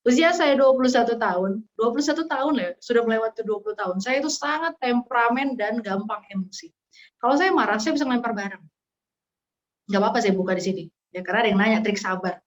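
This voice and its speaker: A young woman giving a casual religious talk as a guest speaker, telling lively stories and acting out scenes with sound effects. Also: a little high, fast, dull audio.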